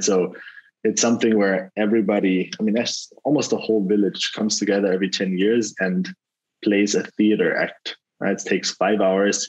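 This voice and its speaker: A man, a venture investor chatting as an interview guest, relaxed and rambling with many fillers and restarts. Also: fairly low pitch, slightly rough. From Germany. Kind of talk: casual interview over a call. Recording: dull lo-fi call audio.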